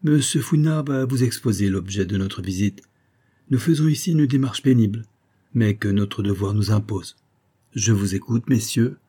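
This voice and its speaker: A man's voice: fairly low pitch, normal speed, warm tone, slightly rough. A man voicing an authoritative male police prefect speaking formally, in a storybook reading. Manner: formal, official.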